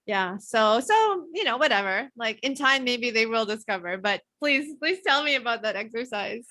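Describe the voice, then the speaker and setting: A woman hosting a casual podcast interview, eager and quick to laugh. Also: fairly high pitch, lively intonation, sharp tone, no room sound. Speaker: podcast host.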